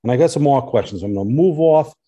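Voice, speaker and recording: A man's voice: mid-range voice, lively intonation, fast, dark tone, breathy edge, dull audio. A man speaking as a local resident at a public hearing, earnest and insistent, often repeating his points.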